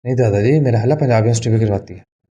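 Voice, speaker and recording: A man with a Pakistani Urdu accent, co-hosting a talk show and briskly reading out listener messages. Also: medium pitch, dark tone. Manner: brisk, reads questions aloud, short interjections. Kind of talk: casual talk-show chat.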